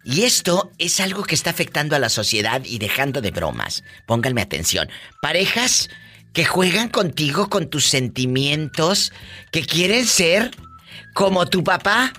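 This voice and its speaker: A theatrical radio host runs a comic call-in show, teasing callers with sass. The voice is bright and a little husky, swinging widely in pitch. Faint music plays underneath. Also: big pitch swings, a little slow.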